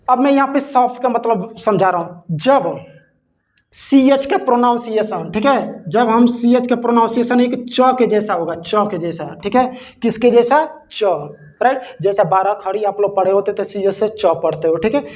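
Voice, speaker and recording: A man's voice: sits high, moderate pace, a little mellow. A man teaching an English grammar lesson, asking rhetorical questions and spelling words out letter by letter. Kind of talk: classroom-style grammar lesson.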